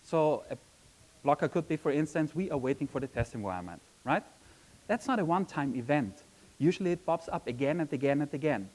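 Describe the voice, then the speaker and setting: A man's voice: on the high side, lively intonation, brisk, a little mellow, poor audio. A man from Austria, giving a conference presentation in a chatty way, often saying "um" and asking "right?". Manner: chatty, frequent "um" and tag question "right?". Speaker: conference speaker. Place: conference session room.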